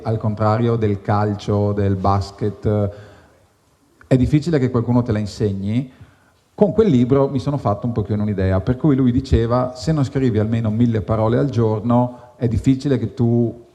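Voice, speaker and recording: Brief: mellow man, relaxed self-deprecating author, live onstage, long reverb. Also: mid-range voice. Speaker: guest author. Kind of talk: casual live onstage conversation. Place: outdoor tent at an evening wine festival.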